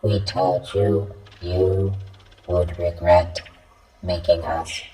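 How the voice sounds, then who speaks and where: A man voicing a cold, menacing machine that has turned on humans, in a robot voice with slow, flat, ominous declarations. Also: sits low, slight background noise. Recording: echoey distant voice over loud music.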